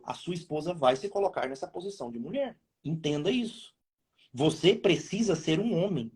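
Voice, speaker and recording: A man's voice: a little high, breathy edge. A Brazilian man hosting a live stream from his home, giving blunt, slangy marriage advice to men. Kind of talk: casual advice talk on marriage.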